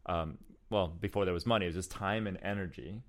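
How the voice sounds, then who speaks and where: A man's voice: low-pitched, a little fast. A man hosting a casual interview, explaining at length in a rambling way with many restarts. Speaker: host.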